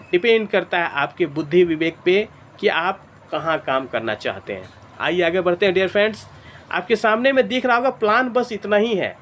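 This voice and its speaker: A man with a high, slightly bright voice pitches a money plan during an online meeting, going through the figures step by step and addressing his audience as dear friends. It's a sales presentation over video, captured on a clip-on mic. The call audio is dull and lo-fi, with faint background noise.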